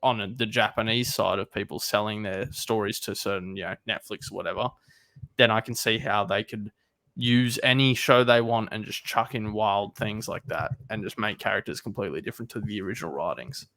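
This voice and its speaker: A man's voice: on the low side, brisk, fairly bright tone, no room sound. A man co-hosting a casual podcast, telling stories and acting out what people said. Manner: storytelling, acts out quotes. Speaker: podcast co-host.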